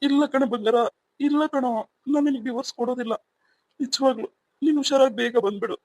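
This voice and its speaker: A woman's voice: high voice, steady tone, quick pace, darkish tone, dry recording, rough recording. A woman voicing a young husband in a cartoon who anxiously pleads with his wife in the hospital. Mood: tender. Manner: pleading, urgent. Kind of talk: cartoon voice acting.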